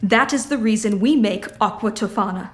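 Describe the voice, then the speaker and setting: An actress playing a stern mother who founded a secret poison trade, speaking gravely and reproachfully. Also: mid-range voice, normal speed, lightly acted. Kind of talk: audio drama acting.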